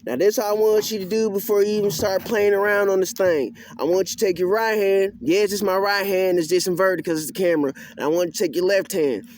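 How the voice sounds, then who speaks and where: A man's voice: high-pitched, fairly even intonation, fairly quick, few pauses, darkish tone. A man giving a casual hands-on tutorial as an instructor, in folksy, colloquial country phrasing, patiently repeating each instruction step by step. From rural area. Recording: clear background noise, outdoor ambience.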